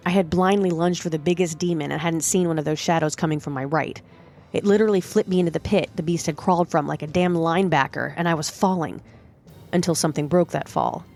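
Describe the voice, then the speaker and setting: Over soft background music, a woman with a deep voice narrates a personal story in the first person, keeping her delivery steady and dramatic.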